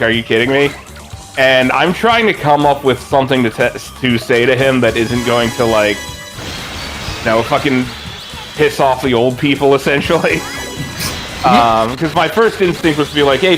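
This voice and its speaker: Dude rambling a swear-heavy story to his friends, game music loud behind him. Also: medium pitch. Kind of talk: casual anecdote telling.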